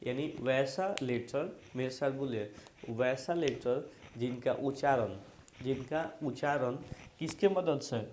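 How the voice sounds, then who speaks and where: A man with a mid-range, slightly mellow voice teaches an English grammar lesson in an echoey room with slight background noise. He drills points over and over, quizzes his students, and has them repeat after him.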